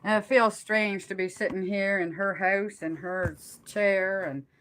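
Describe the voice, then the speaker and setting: Slow-paced, rambling middle-aged woman chatting. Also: medium pitch, fairly even intonation, fairly bright tone, a little hiss or hum. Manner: rambling and halting, trailing off mid-thought. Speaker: live stream host chatting with viewers. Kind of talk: casual chat on a live stream.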